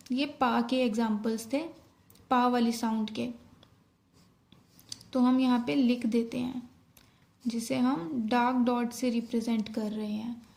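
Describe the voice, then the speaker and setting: A woman teaching a shorthand lesson, explaining each step slowly in Hindi with English terms mixed in. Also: fairly high pitch, gravelly, warm tone.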